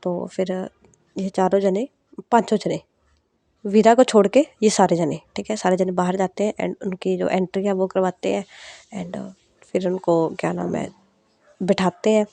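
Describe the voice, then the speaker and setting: A woman's voice: medium pitch, steady tone, a little slow, vocal fry, dark tone, dry recording. Woman, casual storyteller; dry, close sound. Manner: chatty, loose retelling with fillers.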